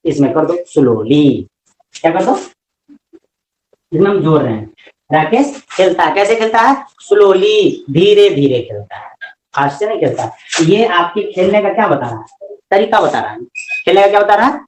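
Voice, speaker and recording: A man with a Hindi accent teaching English grammar in a classroom lecture, lively and often asking questions that he then answers himself. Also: high-pitched, normal speed, echoey room, a little hiss or hum, poor audio.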